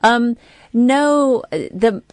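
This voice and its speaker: A woman co-hosting a radio show, chatting in an animated, rambling, self-deprecating way. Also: fairly high pitch, extremely slow, clear, resonant tone, no echo, clean studio sound. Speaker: radio co-host. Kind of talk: casual radio chat.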